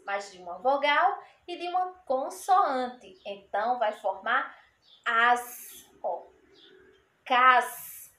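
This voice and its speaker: Lady teacher doing a spelling lesson for kids, says every word twice real slow, echoey room. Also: fairly high pitch, fairly bright tone. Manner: says each word slowly twice, then explains it patiently.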